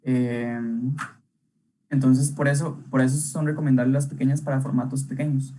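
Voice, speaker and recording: A man's voice: medium pitch, little pitch movement, normal speed, mellow, rough recording. A young man teaching an online illustration workshop, talking casually while he draws, with many fillers and checking questions. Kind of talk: live online drawing lesson.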